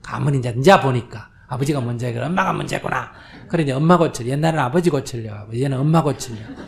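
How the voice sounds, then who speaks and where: Speaking at medium pitch and a quick pace, this older Buddhist monk holds a question-and-answer dharma talk before an audience in a lecture hall. He keeps checking that people understand, performs the voices he quotes, and sometimes sinks into a whisper.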